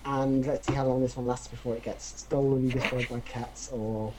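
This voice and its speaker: An easygoing man chatting on a podcast, mid-pitched and wry. He thinks aloud as he talks. A faint hiss sits under his voice. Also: fairly even intonation, moderate pace. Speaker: podcast co-host. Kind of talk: casual chat.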